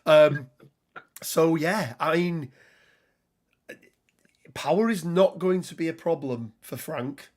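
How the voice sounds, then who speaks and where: A man's voice: fairly high pitch, slow, long pauses, darkish tone. A man hosting a casual tabletop game talk, rambling and laughing as he reads card text, his voice a little worn. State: slightly losing his voice. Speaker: podcast host.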